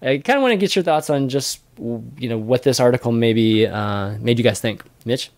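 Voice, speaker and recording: A man's voice: medium pitch, lively intonation, normal speed, darkish tone, dry recording. A man hosting a casual panel podcast, leading the talk with a rambling delivery full of fillers and restarts. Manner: rambling, many "uh" and "you know" fillers. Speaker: podcast host.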